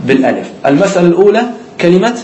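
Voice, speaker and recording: Male sheikh, grammar lesson, slightly high voice, echoey room. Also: sing-song, racing, mellow, a little hiss or hum. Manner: explains step by step, asks the class questions and repeats key words. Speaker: sheikh teaching Arabic grammar.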